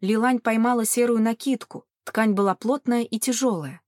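A woman narrating an audiobook in an even, clear storytelling voice. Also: on the high side, normal speed, no echo, clean studio sound. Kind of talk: scripted narration.

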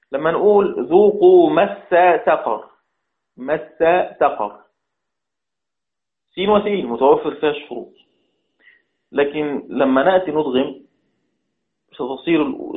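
A man teaches Quran recitation rules in a somewhat high voice. He repeats each phrase and chants quoted verses slowly. The audio is thin and phone-like. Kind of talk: religious lesson.

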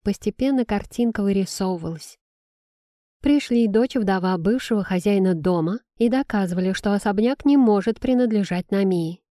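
A woman narrating a first-person fantasy audiobook in an even storytelling manner. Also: medium pitch, normal speed, no room sound, studio quality.

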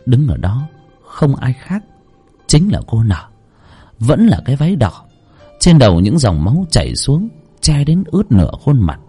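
Husky male ghost-story narrator. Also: mid-range voice, warm tone. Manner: dramatic, tense delivery.

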